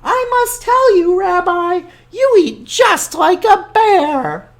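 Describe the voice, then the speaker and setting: A woman voicing a kindly, doting old woman in a storybook, speaking in a high, sing-song way. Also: expressive, slow, heavily acted. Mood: cheerful. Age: older. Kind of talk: storybook character voice.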